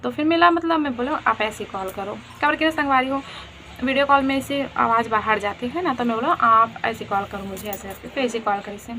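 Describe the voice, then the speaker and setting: A young woman with a Chhattisgarhi accent tells her own story to her viewers and keeps calling them friends as she goes. Her voice sits a little high. A faint hiss runs under the recording. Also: brisk, bright, forceful tone. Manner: chatty, addresses viewers as friends. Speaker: vlogger. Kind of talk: casual storytelling.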